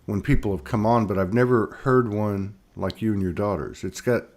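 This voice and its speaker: A man's voice: lowish voice, moderate pace, darkish tone. A man hosting an interview, asking rambling questions in a chatty, joking way. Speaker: host.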